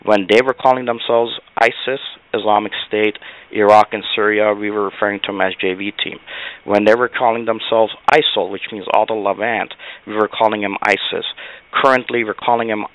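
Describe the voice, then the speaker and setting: A man speaking as a guest analyst in an interview, measured and emphatic, with frequent fillers. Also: on the low side, fairly even intonation, dull audio. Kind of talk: interview commentary.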